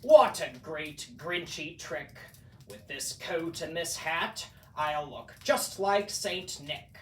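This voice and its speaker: A man's voice: a little high, expressive, slow pace. Man voicing the Grinch, a snarling, sneering schemer in a roomy recording. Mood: gleeful scheming. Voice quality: snarling, growling. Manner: sneering, emphatic. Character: sour, scheming male Grinch, fifty-three-year-old green grump. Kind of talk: theatrical storybook character reading. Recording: roomy, distant mic, faint noise.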